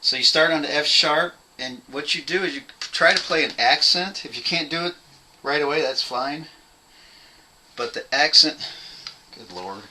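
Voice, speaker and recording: A young man casually teaching a bass part at home, rambling, apologizing and laughing at himself as he counts out beats. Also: moderate pace, bright, forceful tone, a little hiss or hum, low-quality recording. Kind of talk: casual home video lesson.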